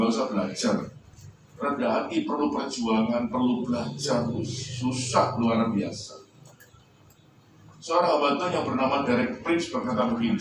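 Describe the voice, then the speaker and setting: A man preaches in a lively, joking manner, his voice sitting in the middle of the range. He sounds far from the mic in a very echoey church hall, with room noise clearly audible behind him. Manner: lively, joking, varies pitch a lot, mimics others in quotes. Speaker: pastor. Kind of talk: sermon.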